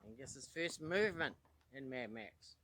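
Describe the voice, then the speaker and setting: A man's voice: medium pitch, expressive, normal speed, pushed and bright, slight background noise. Keep it loose, a tired New Zealand man chatting as he works. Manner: chatty, easygoing, thinking aloud as he works. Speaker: boat owner and channel host. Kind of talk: casual DIY boat-repair vlog.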